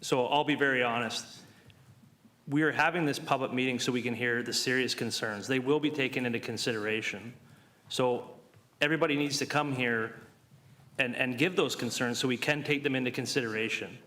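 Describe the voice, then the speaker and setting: A man chairing a town council meeting, measured and firm, calling people sir. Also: mid-range voice, steady tone, pushed and bright. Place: council chamber.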